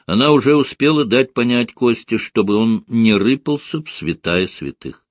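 A man narrates an audiobook from a script, telling the story in a measured, even way. His mid-range voice is recorded dry, at studio quality.

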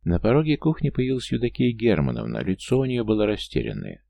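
A man reading an audiobook as narrator in a steady, measured storytelling voice. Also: lowish voice, creaky, no room sound. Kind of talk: scripted narration.

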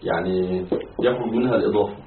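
A man's voice: fairly low pitch, fast talker, a little hiss or hum. A man, a student putting hesitant questions to his sheikh during a grammar lesson. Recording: tinny phone line with faint background.

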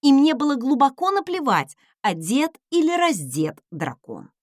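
Slow, highly expressive woman narrating an audiobook. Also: dry recording, clean studio sound. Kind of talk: first-person audiobook narration.

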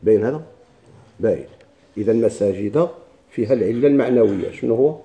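A man's voice: on the low side, animated, fast, dark tone. A man with a Moroccan Arabic accent teaching a classroom grammar lesson, explaining step by step and asking his own questions.

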